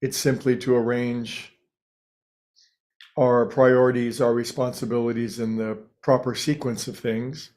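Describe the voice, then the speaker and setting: Leading a guided meditation, the male teacher keeps his voice steady and flat, staying in a middle pitch range with little movement. His phrases are brief and well spaced, and he never rushes.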